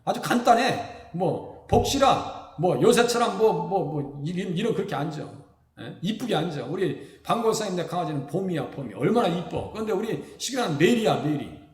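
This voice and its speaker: A male pastor from South Korea preaching a folksy, animated sermon, throwing questions at the congregation and acting out the people in his stories. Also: high voice, moderate pace. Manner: acts out quoted speakers in lively voices. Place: church sanctuary. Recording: echoey hall with long reverb.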